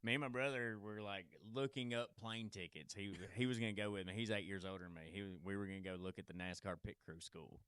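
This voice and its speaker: A man's voice: fairly low pitch, steady tone, fast, hardly any pauses, a bit bright, clear, resonant tone, dry recording, clean studio sound. A man hosting a podcast, talking in a rambling way and laughing easily. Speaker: podcast host. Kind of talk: casual chat. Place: podcast studio.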